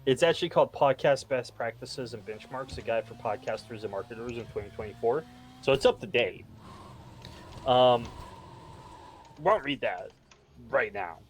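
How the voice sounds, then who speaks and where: A man's voice: mid-range voice, animated, moderate pace, pauses often, a little hiss or hum. Rambling man reading his notes. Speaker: podcast co-host. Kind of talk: casual chat.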